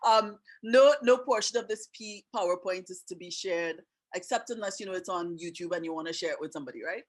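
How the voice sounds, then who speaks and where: A woman's voice: fairly low pitch, a little fast. A woman from Trinidad and Canada with a Trinidadian accent tinged with Canadian, hosting an online webinar in a chatty, friendly way with many asides, on a computer mic. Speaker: webinar host and teacher. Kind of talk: casual online webinar presentation.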